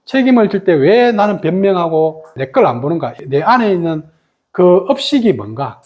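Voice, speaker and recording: A woman leads a meditation lesson in an animated voice. Her pitch swings widely as she slips into other people's voices to make her points. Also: normal speed. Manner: animated, acts out quoted speech of others. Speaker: meditation teacher.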